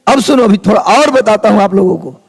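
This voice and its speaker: A man's voice: high voice, expressive, fairly quick, gravelly, husky. A man, teaching a live class in a casual chatty way and teasing his students. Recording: long reverb of a hall.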